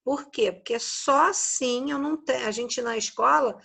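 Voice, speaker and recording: A Brazilian woman teaching a recorded class to young children, explaining slowly and patiently and often tagging her sentences with a questioning "né?". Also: high voice, creaky, fairly bright tone, slightly rough. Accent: Brazilian Portuguese. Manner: slow, patient, explanatory, frequent "né?" tags. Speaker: schoolteacher.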